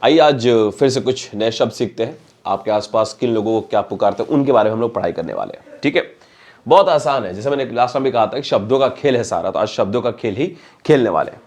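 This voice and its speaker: Indian guy teaching vocab, asks then answers himself, says each word slow. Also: mid-range voice, animated, darkish tone. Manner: asks and answers his own questions, repeating each word slowly. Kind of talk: classroom-style lesson.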